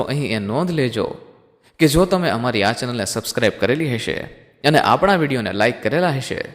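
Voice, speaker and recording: A male storyteller tells an emotional tale in a dramatic, heartfelt way, often calling out to his listeners as friends. His mid-pitched voice swings widely in tone. A long reverb hangs around it.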